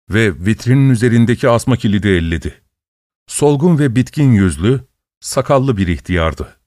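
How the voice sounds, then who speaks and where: A man's voice: mid-range voice, darkish tone, no room sound. Man reading a story, dry close sound. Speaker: narrator.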